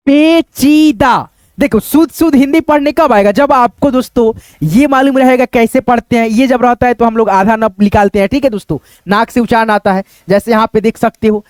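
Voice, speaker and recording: A man teaching Hindi reading online, breaking hard words into syllables and repeating them slowly, often calling the viewers friends. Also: very high voice, smooth, no room sound. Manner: addresses viewers as friends with frequent fillers.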